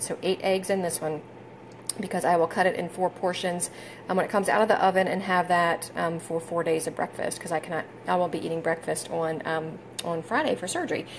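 A woman's voice: fairly low pitch, slight background noise. A woman in her forties, chatty and full of ums, talking viewers through her meal prep in a home kitchen on a handheld phone. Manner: chatty, friendly, many ums, talks to viewers. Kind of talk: casual live video walkthrough. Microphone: phone held in hand.

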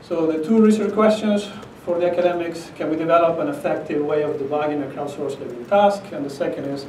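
A middle-aged Argentine man with an Argentine Spanish accent gives a conference talk in an emphatic, conversational style, frequently asking "okay?". His voice is on the high side and a little mellow. It's picked up from a distance in an echoey conference room with a projector screen, with slight hiss or hum.

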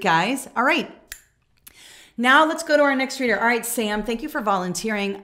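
Her voice sits in the mid range, bright and forceful, as this American teacher trainer in her forties walks through a demonstration lesson. She is emphatic and chatty, checking in with the listener frequently, indoors in a small furnished room.

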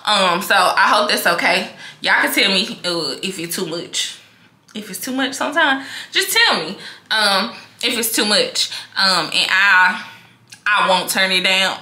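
A young woman with a Mississippi Southern accent, talking casually and confidently to camera in a vlog, with a big, animated personality. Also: mid-range voice, unhurried, reverberant. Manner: big, animated and confident, talks straight to viewers. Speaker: vlogger.

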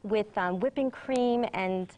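A woman's voice: medium pitch, slow pace, darkish tone. A woman in her thirties on a TV studio set, enthusiastically presenting restaurant deals with bubbly, gushing descriptions. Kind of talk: TV morning show segment.

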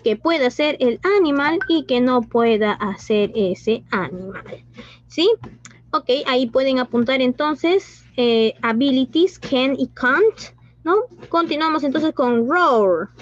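In a dull, lo-fi recording, a woman teacher with a high voice runs an online lesson, moving between English and Spanish. She's animated yet takes things slowly, posing questions and praising the pupils.

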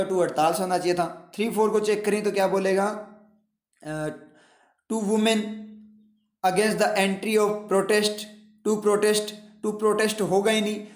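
A man's voice: high voice, roomy sound. A man teaching an English exam lesson in Hindi, explaining each step and asking his students rhetorical questions.

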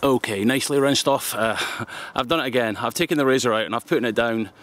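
Shaving outdoors in a forest, a Scottish vlogger in his fifties talks casually into a close-up camera held at arm's length, joking and laughing a lot. He talks fast in a mid-range, fairly bright voice.

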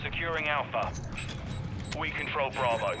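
An actor playing a commanding military announcer in a shooter game, giving clipped battle status callouts. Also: male voice, mid-range voice, animated, moderate pace, background noise, lightly acted. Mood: urgent, commanding. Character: commanding male military announcer calling objectives. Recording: very loud gunfire over the voice. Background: game gunfire and artillery.

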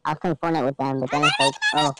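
A woman's voice: sits low, wildly swooping pitch, very fast, noisy background. A woman chatting casually while playing a video game, whining and complaining. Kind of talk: casual chat while gaming.

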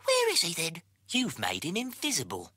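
A man's voice: on the high side, wildly swooping pitch, moderate pace, sharp tone, breathy edge, exaggerated voice. A British man voicing a childlike, curious animal friend in a children's cartoon. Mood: puzzled, concerned. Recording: music behind the voice.

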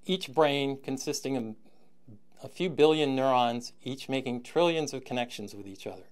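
Male lecturer, mid pitch, halting delivery with restarts and throat clearing. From Canada. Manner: thinking aloud with frequent restarts and throat clearing. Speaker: university lecturer. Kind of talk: recorded lecture.

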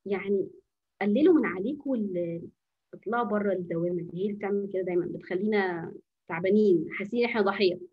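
In a muffled recording, a woman with an Egyptian Arabic accent teaches a casual online anger-management workshop at a fast clip. Her medium-pitched voice is slightly rough as she coaches the audience, poses questions and answers them herself, and slips in English phrases.

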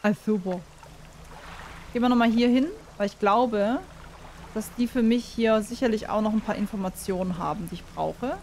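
A woman hosting a casual gaming video, talking to herself as she plays, excitable and chatty, with the odd curse and giggly sing-song bursts. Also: mid-range voice, moderate pace, slight background noise. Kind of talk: casual let's-play commentary.

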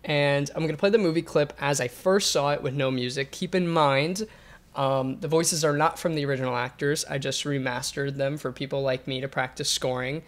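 Casting: young male composer-presenter, slightly high voice, casual and hesitant explainer talking to camera. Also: moderate pace. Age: young adult. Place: bright living room with grand piano.

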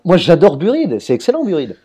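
A man's voice: fairly high pitch, wildly swooping pitch, brisk, a crowd in the background. A man co-hosting a casual film-review podcast, talking in a rambling, joking way with lots of restarts. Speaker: podcast co-host.

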